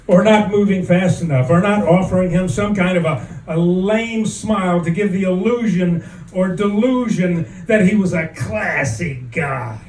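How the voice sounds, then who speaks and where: Slow, halting male open-mic poet, roomy sound. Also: high voice, a little mellow. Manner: deliberate, halting delivery with drawn-out pauses. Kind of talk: dramatic spoken-word storytelling reading. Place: echoing room at an open mic event. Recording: roomy, distant mic, faint background noise.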